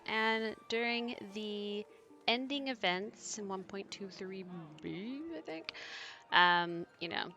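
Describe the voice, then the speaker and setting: A woman's voice: mid-range voice, bright, forceful tone, faint music behind. A woman chatting casually and playfully while she streams a game at home. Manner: playful, chatty, quick to laugh. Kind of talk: casual let's-play commentary. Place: home, with her cat. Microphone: desk microphone.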